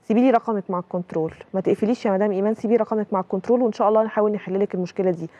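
Fast-talking Egyptian woman hosting a call-in show. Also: mid-range voice, steady tone, dark tone, dull audio. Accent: Egyptian Arabic. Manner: probing, pressing callers with quick questions. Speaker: TV talk show host. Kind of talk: live call-in talk show.

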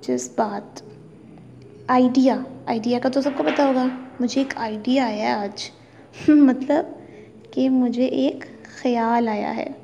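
Slow, high-voiced woman teaching vocabulary. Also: vocal fry, warm tone, big-room sound, lo-fi sound. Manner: slow, deliberate word-by-word explanation. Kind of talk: vocabulary lesson.

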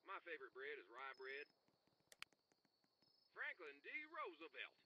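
A man's voice: mid-range voice, wildly swooping pitch, measured pace, sharp tone, highs cut off, heavily acted. A man voicing an eccentric game character who earnestly recites odd scripted statements.

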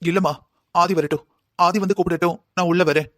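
A man's voice: high voice, fairly even intonation, fairly quick, a bit bright, no room sound, studio quality, pitched below the performer's own voice. A man voicing an earnest young husband in a cartoon drama who pleads to see his wife. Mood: pleading.

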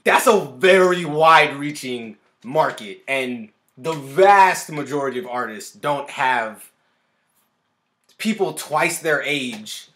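A young man in his twenties hosting a music reaction video, excitable and often cutting himself off to react, recorded in a small room on a webcam. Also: a little high. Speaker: music reaction channel host. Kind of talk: casual reaction commentary. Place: small indoor room with a guitar on the wall.

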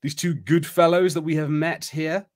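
A man hosting a live stream, switching between casual chat and expressive storybook read-aloud narration. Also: fairly high pitch, moderate pace. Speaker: host of a live gamebook stream.

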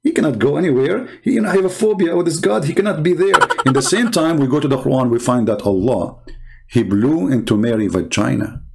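A man's voice: mid-range voice, animated, a little fast, creaky, darkish tone. A man hosting a channel and giving polemical commentary in non-native English, mocking and sarcastic, trading insults. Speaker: channel host and religious debater.

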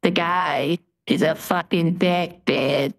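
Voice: mid-range voice, fairly even intonation, slow pace, gravelly, slightly rough. A crew member speaking through a voice changer as a sullen demon from hell, terse and dismissive. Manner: terse, dismissive, swears casually.

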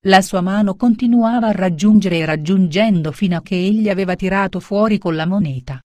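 A woman narrating a religious children's story in a steady, plain reading voice. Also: mid-range voice, a little fast, no room sound.

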